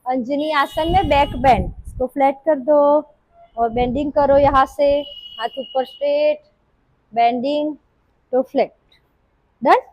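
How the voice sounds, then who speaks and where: A woman leading a live yoga class, calling out poses in short, brisk commands. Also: high-pitched, steady tone, a little mellow, rough recording. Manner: brisk, commanding cues mixing Hindi and English. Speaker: yoga instructor.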